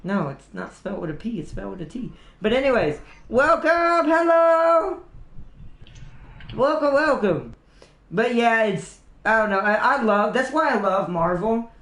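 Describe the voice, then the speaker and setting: A young man with a high voice for a man talks in a loose, rambling livestream chat, restarting sentences and chuckling as he goes. His voice rings in a roomy, echoey space. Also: fairly quick, creaky, hardly any pauses, a bit bright. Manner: rambling, chatty fan talk with restarts and laughs. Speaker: livestream host. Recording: roomy echo.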